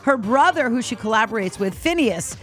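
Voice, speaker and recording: A woman's voice: a little high, animated, a little fast, a bit bright. A woman presenting a morning radio show, moving between chatty banter and news reads in an upbeat, conversational way. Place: radio studio. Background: faint music bed.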